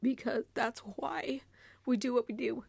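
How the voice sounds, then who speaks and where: A woman's voice: on the high side, fairly even intonation, a little slow, gravelly, a little mellow, breathy edge, no echo. A woman hosting a devotional podcast for mothers, talking in an earnest, heartfelt, conversational way with many fillers. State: tearful, choked up. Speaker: podcast host.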